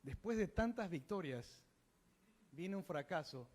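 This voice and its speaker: A man preaching a sermon, putting questions to the congregation and moving between hushed asides and raised, emphatic bursts. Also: high-pitched, expressive, unhurried. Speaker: pastor.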